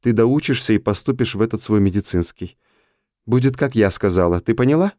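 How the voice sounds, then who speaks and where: A man's voice: on the low side, expressive, fairly quick, dark tone, no room sound, studio quality, natural voice. A man voicing a stern, bossy teenage older sister who talks in a scolding way.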